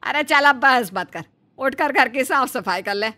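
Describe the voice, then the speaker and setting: A woman's voice: sits high, animated, a little slow, sharp tone, heavily acted. A woman voicing a stern, bossy middle-aged mother-in-law who scolds and gives orders in a cartoon story. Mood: scolding. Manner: scolding, commanding. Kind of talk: Hindi cartoon story voice acting.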